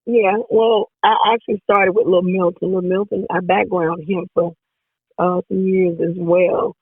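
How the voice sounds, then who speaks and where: A woman singer with a hoarse, raspy voice, chatting casually as an interview guest and laughing often. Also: lowish voice, level tone, a little slow, no echo. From Jackson, Tennessee area, US South. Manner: laughs often, repeats herself. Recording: dry phone-like line.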